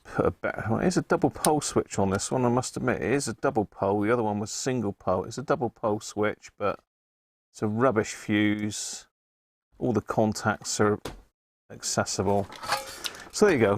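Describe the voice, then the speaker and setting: At an indoor electronics workbench, a man hosts a casual repair livestream, chatting and thinking out loud as he works. His pitch is fairly low, he talks a little fast, and the sound has no echo.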